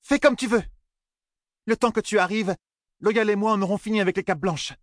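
A man's voice: high voice, normal speed, no room sound, studio quality, pitched above the performer's own voice, natural voice. A man reading an audiobook voices a proud, stubborn young woman who bargains coldly. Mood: insistent. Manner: stubborn, cutting, defiant.

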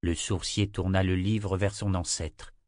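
A man reading a fantasy novel aloud in measured, scripted narration. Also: deep voice, flat delivery, a little mellow, no echo, studio quality. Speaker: audiobook narrator.

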